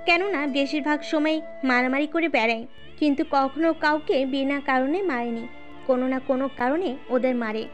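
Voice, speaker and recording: A woman narrating an audio romance story in a steady, scripted storytelling manner. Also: high voice.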